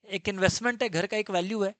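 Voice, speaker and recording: A man's voice: sits high, fast talker, a bit bright, no room sound. A man teaching an exam-prep lecture, emphatic and drilling terms over and over. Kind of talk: online lecture.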